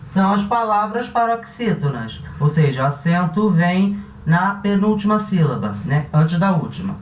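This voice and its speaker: With a sing-song, high voice and a Brazilian Portuguese accent, a male Spanish teacher works patiently at a board. He takes it slowly, spelling out syllables and going over examples again, while a distant mic picks up room echo and faint background hum.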